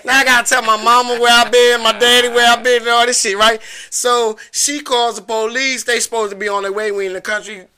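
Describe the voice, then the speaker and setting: Bright-voiced man telling a wild story. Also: extremely high pitch, flat delivery, a little fast, hardly any pauses, clear, resonant tone. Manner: slangy, profane, laughing storyteller. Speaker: guest. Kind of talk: animated storytelling.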